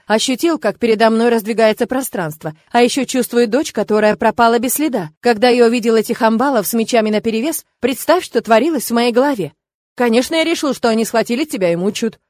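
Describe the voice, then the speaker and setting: A woman voicing a gruff, protective middle-aged father who grumbles scornfully in an audiobook. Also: on the high side, brisk, darkish tone, no room sound, studio quality, pitched above the performer's own voice, lightly acted. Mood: agitated. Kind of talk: audiobook character voice.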